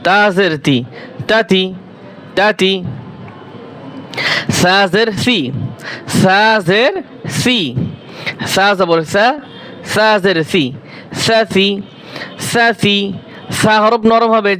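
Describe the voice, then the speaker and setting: A man with a Bangladeshi Bengali accent teaching Quran reading, slowly drilling and repeating syllables for beginners. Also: sits high, a bit bright. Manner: slow, repetitive drilling of syllables. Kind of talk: step-by-step recitation lesson.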